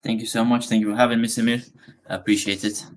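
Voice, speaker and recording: A business founder from Afghanistan, being interviewed on a podcast, talks quickly in a medium-pitched voice. His manner is relaxed and rambling, peppered with ums and uhs.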